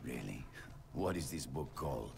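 Gruff demon hunter, very low, gravelly, terse. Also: male voice, expressive, normal speed, noisy background, exaggerated voice. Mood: skeptical.

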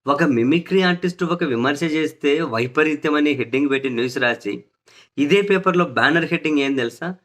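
A man's voice: on the high side, fairly bright tone. A man delivering opinionated political commentary, sarcastic and indignant, hammering points home by repeating phrases.

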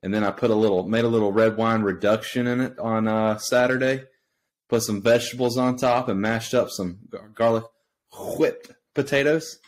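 A man's voice: lowish voice, fairly even intonation, fairly quick. A man, co-hosting a podcast and telling stories in proud, casual chat. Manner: proud, storytelling. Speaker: podcast co-host.

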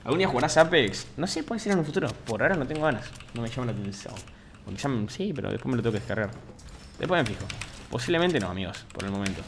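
A man's voice: mid-range voice, very fast. Young argentine guy streaming games at his desk, chatty, faint keyboard clatter and room hum behind him. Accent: Argentine Spanish. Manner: chatty, reads viewer messages, bursts into excited yelling. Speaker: game streamer. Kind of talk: casual gaming stream commentary.

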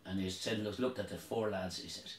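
A man telling a mock-serious tall tale in a comedy sketch, earnest and deadpan. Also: low voice, a little fast, roomy sound, recorded from a distance. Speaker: comedic tour guide playing a priest.

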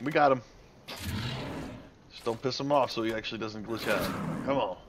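A man's voice: mid-range voice, moderate pace, heavy background noise. A man hosting a multiplayer let's play, joking with friends and talking to the game as he plays. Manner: playful, joking, yells at the game. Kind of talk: casual multiplayer gameplay chat.

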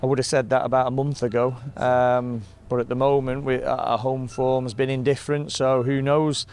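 A man, a football manager giving a measured, frustrated post-match interview outdoors. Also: medium pitch, flat delivery, darkish tone. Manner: measured, frustrated, plain-spoken. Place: outdoors in front of a sponsor board.

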